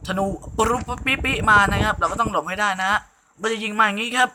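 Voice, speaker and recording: A man giving excitable gameplay commentary with frequent exclamations, as host of a gaming channel. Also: high-pitched, quick pace, noisy background.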